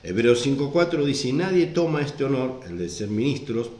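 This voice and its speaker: A man's voice: medium pitch, very animated, moderate pace, darkish tone. Male pastor, sermon delivery, insistent and repetitive, reverberant room. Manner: repeats and stresses verse references.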